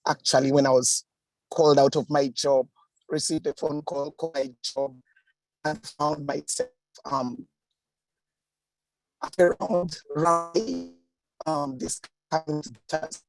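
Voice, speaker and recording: A woman speaking as a webinar guest on a video call whose connection keeps breaking up. She talks haltingly, with pauses and fillers. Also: low-pitched, fairly even intonation, darkish tone, low-quality recording. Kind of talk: casual spoken account over a video call.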